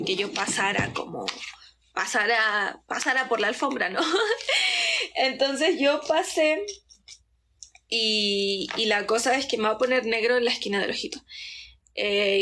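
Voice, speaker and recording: Young woman, faint Chilean accent, casual makeup-vlog storyteller, slightly high voice, easily distracted. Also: a little hiss or hum. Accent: Chilean Spanish, softened by Mexican. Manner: chatty, easily distracted, rambling with many fillers; drops into whispers now and then. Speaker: content creator. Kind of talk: casual story time while doing makeup.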